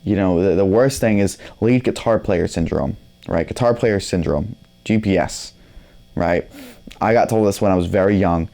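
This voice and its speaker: A man's voice: deep voice, normal speed, gravelly, warm tone. A young man giving a casual guitar lesson, talking loosely with lots of "right?" and "you know". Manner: conversational, fillers and "right?" tags. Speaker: guitar teacher.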